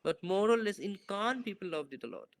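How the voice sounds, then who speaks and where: Over a laptop-camera video call from a bright room, a young male filmmaker answers an interviewer's questions with thoughtful hesitation, full of fillers and restarts. His high-pitched voice is very animated, carries vocal fry, and moves a little fast.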